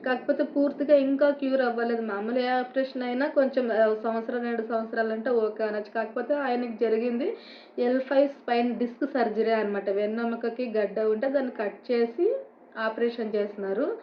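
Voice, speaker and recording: A woman's voice: a little high, brisk, echoey room, muffled recording, a little hiss or hum. Earnest woman telling a story. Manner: earnest, explanatory, recounting quoted dialogue. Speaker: vlogger. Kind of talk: personal storytelling to viewers.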